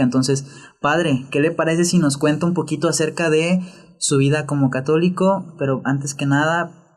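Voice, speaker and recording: A Mexican man hosts a podcast interview. He asks his questions in a friendly, conversational way and uses many fillers. His voice sits at a middle pitch. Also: darkish tone. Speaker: podcast host.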